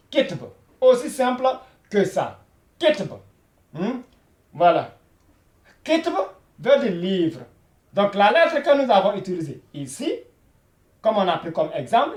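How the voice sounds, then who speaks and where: A man leads a beginner language lesson in a fairly high voice. He speaks slowly, drilling each word over and over and checking in after almost every phrase. The room gives his voice a noticeable echo. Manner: repetitive, drills each word with frequent "voilà" and "hein?". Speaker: Arabic teacher. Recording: echoey room.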